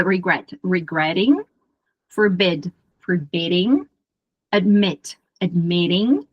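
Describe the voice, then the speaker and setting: A woman with a Brazilian Portuguese accent, teaching English grammar patiently and repeating each example slowly. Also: medium pitch, breathy edge. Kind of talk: explaining grammar rules.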